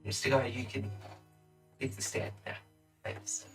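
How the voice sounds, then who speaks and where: A man runs a tabletop game, narrating the scene at a slow pace. He sounds a little away from the mic, with quiet music behind him. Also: medium pitch, fairly even intonation, recorded from a distance. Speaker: game master.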